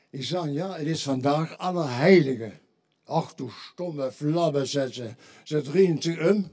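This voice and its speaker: Here a carnival stand-up comedian with a Limburgish accent performs his punchline jokes, taking on the voices of the characters he quotes. The man's voice is fairly high, mellow and husky.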